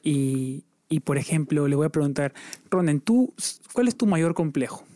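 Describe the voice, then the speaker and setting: A man's voice: on the high side, lively intonation, normal speed, mellow, no echo, studio quality. A man from South America hosting a casual podcast chat, joking and self-deprecating. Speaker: podcast host.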